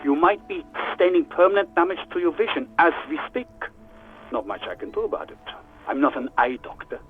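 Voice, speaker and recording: A bored, sarcastic police doctor in a video game, trading dry insults in a slightly high voice. He sounds tinny, as if over a radio line. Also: expressive, brisk, slight background noise. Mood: sardonic. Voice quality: dry, dismissive and sardonic. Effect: radio transmission. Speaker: station doctor.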